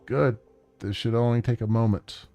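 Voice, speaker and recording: A man's voice: medium pitch, fairly even intonation, moderate pace, warm tone, faint music behind, natural voice. A man voicing a formal, polite technician who speaks precisely. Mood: calm.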